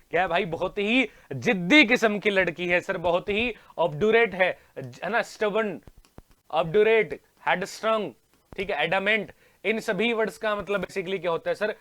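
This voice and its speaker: An energetic Indian man teaches vocabulary to exam students, mixing Hindi with English words and asking the class the same question over and over. His voice sits high for a man, recorded dry and close to the mic. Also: dry recording. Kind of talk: online exam-prep class.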